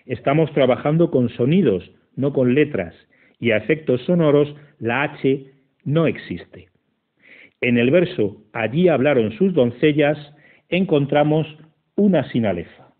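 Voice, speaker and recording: Man narrating a phone-thin grammar lesson. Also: medium pitch. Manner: slow, methodical, counting syllables aloud. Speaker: teacher. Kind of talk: scripted educational narration. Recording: tinny phone-like audio.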